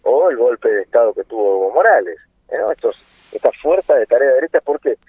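Over a tinny, dry telephone line, a husky man of about sixty with an Argentine Spanish accent speaks as a guest in an impassioned political interview. His mid-range voice is sing-song and fairly quick, with no room sound. He is earnest, with many hesitations and rhetorical questions.

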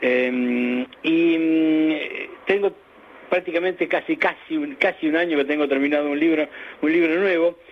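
A man's voice: fairly high pitch, moderate pace, narrow, tinny audio. A man with an Argentine accent, a journalism teacher and author, explaining his views in an interview with emphatic, hesitant speech. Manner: didactic, emphatic, with hesitant restarts. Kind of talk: interview over the radio.

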